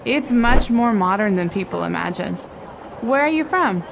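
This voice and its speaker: A woman's voice: medium pitch, animated, moderate pace, creaky. A woman playing a polite commuter making small talk in a scripted textbook dialogue, with vehicle noise behind her. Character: friendly woman working in the city. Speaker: dialogue actor.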